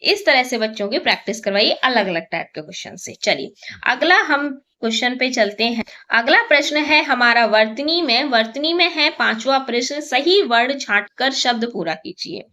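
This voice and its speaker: A woman teacher slowly walks through a first-grade exam paper, counting aloud and answering her own questions. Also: a little high, animated, bright, forceful tone. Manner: slow, patient, counts aloud and asks questions then answers them.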